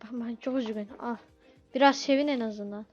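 Woman gamer, high voice, flustered running commentary; dull lo-fi recording, light music underneath. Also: a little fast, a little mellow. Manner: flustered, pleads with impatient customers. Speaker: gameplay video host. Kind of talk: casual gameplay commentary. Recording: dull lo-fi audio with game music.

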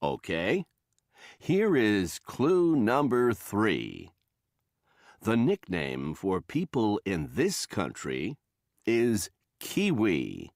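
A man voicing a game show host on a scripted textbook listening recording, with a slow, showy delivery. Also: on the low side, wildly swooping pitch, a little mellow, no echo, clean studio sound.

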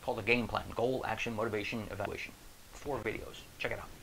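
A middle-aged American man talks to camera in a casual motivational video, speaking like a keynote motivator: animated, conversational and emphatic, firing off rhetorical questions at the listener. His lowish voice is fast with a gravelly creak. Recorded on a lapel mic in a small indoor room, the audio is poor, with a faint bed of room noise behind him.

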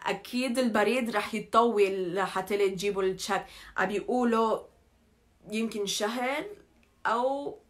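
A woman with an English-influenced Levantine Arabic accent gives an informal public update, haltingly, correcting herself and mixing in English terms. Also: mid-range voice. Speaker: community update presenter.

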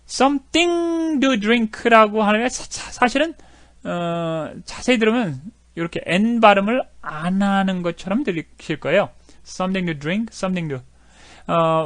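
A man's voice: high-pitched, fairly bright tone, no echo. A middle-aged man teaching English phrases in a chatty way, with many fillers and repeated phrases. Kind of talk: explaining lesson with video clips.

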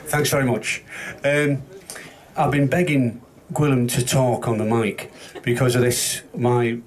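A man's voice: mid-range voice, fairly even intonation, measured pace. Hesitant man with a Salford accent. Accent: Northern English, Salford. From England. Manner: hesitant, self-deprecating, many restarts. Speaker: award winner giving thanks. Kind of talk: halting acceptance speech. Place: awards event indoors.

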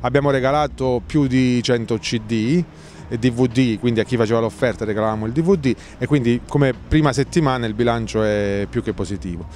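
A man, giving halting, spontaneous interview answers as a project spokesman into a handheld microphone outdoors. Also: mid-range voice, a little mellow, slight background noise. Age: 30s-40s. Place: outdoors by a hedge.

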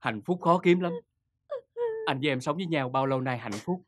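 Soothing young boyfriend, southern vietnamese accent, dry close sound. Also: male voice, medium pitch, expressive, fairly quick, a bit bright, no echo. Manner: soothing, reassuring.

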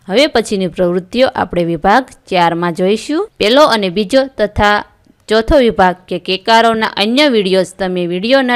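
A woman teacher reading a school lesson aloud, stating each question and then its answer clearly. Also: mid-range voice.

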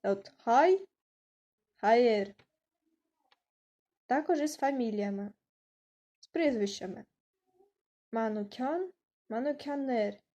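A woman's voice: on the high side, expressive, slow pace, long pauses, warm tone. A woman teaching an online language lesson, patiently spelling out words letter by letter.

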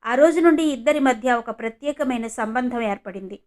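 A woman reading a scripted story as narrator, in an even storytelling manner. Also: a little high, fairly quick.

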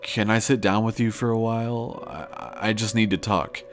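A man's voice: on the low side, normal speed, faint music behind, pitched above the performer's own voice, close to an everyday voice. A man voicing a drunk, creepy stranger who pleads in a slurred, stammering way. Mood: pleading.

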